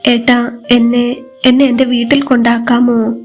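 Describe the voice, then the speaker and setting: A woman voicing a bedridden young wife who speaks softly and haltingly, pleading through tears. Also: fairly high pitch, completely flat delivery, faint music behind, lightly acted. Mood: tearful plea.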